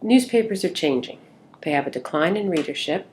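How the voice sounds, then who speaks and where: A woman's voice: deep voice, expressive, a little fast, darkish tone, slight background noise. A woman instructor giving a recorded lecture, speaking informally with frequent "uh"s. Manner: informal, with filler "uh"s.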